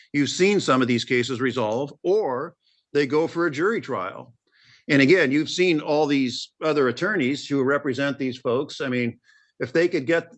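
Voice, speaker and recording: Patient judge, voice going hoarse. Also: male voice, mid-range voice, fairly bright tone. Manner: patient, measured, halting with fillers and throat clearing. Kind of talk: courtroom hearing advisement.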